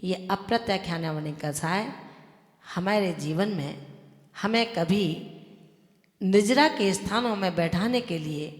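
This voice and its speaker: A woman, a Jain nun, giving an earnest devotional sermon that exhorts listeners and explains with everyday examples. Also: medium pitch. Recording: echoey hall with long reverb.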